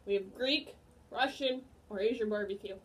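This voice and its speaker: A woman hosting a food-tasting vlog in casual chat, giggly and quick to scold her co-host. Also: medium pitch, a little hiss or hum.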